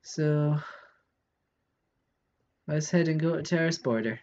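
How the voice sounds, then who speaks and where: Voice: mid-range voice, takes it slowly, warm tone, muffled recording. A live streamer giving casual commentary while playing a game, thinking aloud and answering chat.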